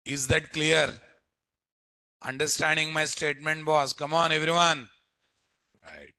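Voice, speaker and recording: Indian Telugu-accented male programming instructor, forceful. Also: a little high, measured pace, no echo, studio quality. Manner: repeats phrases and quizzes listeners. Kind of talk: live software lesson to a class.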